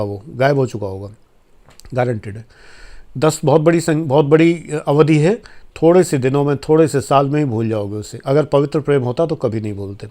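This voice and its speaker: A man's voice: medium pitch, a little mellow. Earnest man lecturing viewers. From India. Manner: earnest, admonishing, addresses viewers as children. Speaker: life coach and former administrator. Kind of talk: informal spoken lecture to viewers.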